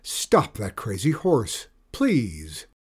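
A man's voice: fairly low pitch, wildly swooping pitch, drawn-out words, husky, full character voice. A man reading a storybook aloud, voicing a pompous, blustering male evil enchanter with an indignant manner.

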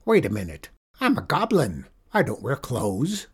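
A man reading a storybook aloud, voicing a dim, mercenary male goblin guard with a gruff manner. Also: mid-range voice, huge pitch swings, a little slow, full character voice. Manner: gruff, easily swayed.

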